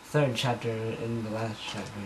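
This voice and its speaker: In his bedroom, an amateur reader gives a comic dramatic reading of fan fiction, rambling, self-conscious and often tripping over words. His fairly low voice holds a steady tone at normal speed. The camera mic catches an echoey room with background noise.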